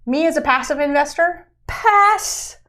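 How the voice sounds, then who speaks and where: A woman's voice: high voice, expressive, a little slow, fairly bright tone. A woman co-hosting a podcast, talking frankly and casually, with plenty of fillers. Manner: chatty, frank, with many fillers. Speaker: podcast co-host.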